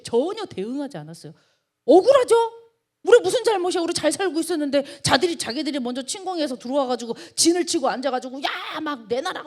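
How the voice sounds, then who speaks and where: High, animated woman preaching a sermon. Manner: emphatic, with constant rhetorical questions to the audience; lively, emphatic preaching with sudden rises. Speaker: pastor of a college ministry.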